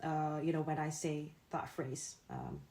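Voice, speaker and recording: A woman's voice: sits low, very animated, a little slow, vocal fry, mellow. A young woman from Indonesia, the founder and host of a podcast, talking earnestly with many fillers. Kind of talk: casual podcast chat.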